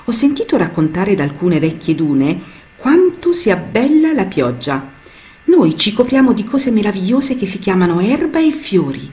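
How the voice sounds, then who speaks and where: A woman voicing a small, young female sand dune in a storybook tale, speaking softly and wistfully. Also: medium pitch, very animated, moderate pace, voice pushed up, close to an everyday voice.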